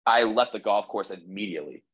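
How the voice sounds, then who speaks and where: A man's voice: fairly low pitch, animated, a little fast, fairly bright tone, slightly rough, low-quality recording. A man in his twenties, a podcast guest telling his story in a casual, rambling way, full of "like" and restarts. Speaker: podcast guest, baseball pitcher.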